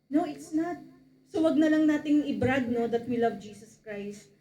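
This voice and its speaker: High-voiced woman preaching a sermon. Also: lively intonation, measured pace, warm tone, echoey room, low-quality recording. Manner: mixes English and Filipino, asks the congregation for amens; acts out quoted exchanges in a raised voice.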